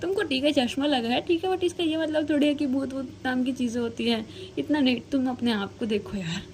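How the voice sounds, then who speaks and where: A woman's voice: high-pitched, fairly quick, darkish tone, slight background noise, close to an everyday voice. A woman voicing a playful young woman who teases and mocks her scared cousin. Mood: mocking. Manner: playful, mocking. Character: teasing young woman who loves pranks.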